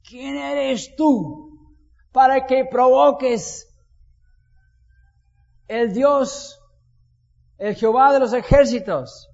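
A defiant young shepherd hurls challenges at a giant, as a high-voiced preacher with a Mexican accent acts him out. The voice rings through a long-echoing hall on a dull, muffled recording. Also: male voice, drawn-out words, gravelly, long pauses, a little mellow, exaggerated voice.

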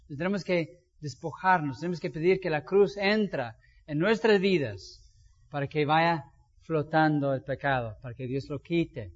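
A man preaching a sermon as pastor, telling anecdotes in an animated way. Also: a little high. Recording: dull lo-fi sound with long hall reverb.

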